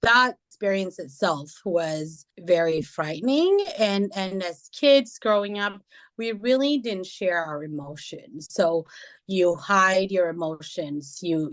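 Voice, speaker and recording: A woman in her forties from Ethiopia, telling her life story in an interview, thoughtful with many pauses and fillers. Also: mid-range voice, lively intonation. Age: 40s.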